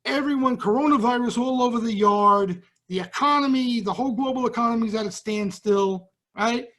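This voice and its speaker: A man's voice: extremely high pitch, a little fast, fairly bright tone. Chatty Brooklyn man talking markets. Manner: chatty, blunt, keeps checking in with "right?". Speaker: trading show host. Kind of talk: casual market talk to viewers.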